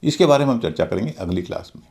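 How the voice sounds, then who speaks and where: A middle-aged man with a medium-pitched, gravelly and slightly mellow voice teaches English pronunciation in Hindi, talking very fast and animatedly. He spells words out letter by letter and explains the rules one step at a time.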